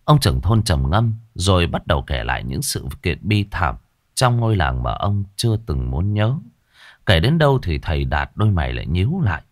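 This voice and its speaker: Low-voiced man telling a ghost story. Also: normal speed, no room sound, clean studio sound. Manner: dramatic, expressive storytelling.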